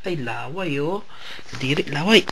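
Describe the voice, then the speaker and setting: A man's voice: on the high side, animated, measured pace, creaky, fairly bright tone, slight background noise, poor audio. Affectionate, playful father chatting at bedtime. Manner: affectionate, playful baby-directed talk. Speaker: father talking with his young child. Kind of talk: casual bedtime chat.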